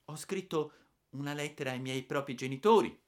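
Man voicing a mischievous little boy, whiny, very high pitched, cheeky. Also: normal speed, lightly acted. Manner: whining, cheeky.

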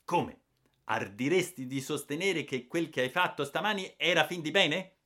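A stern grown man snaps at a troublesome boy with biting sarcasm, as a male reader acts him out. He speaks loudly through clenched teeth. The scorn is always on show. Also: a little high, moderate pace, voice pushed up. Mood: sarcastic anger.

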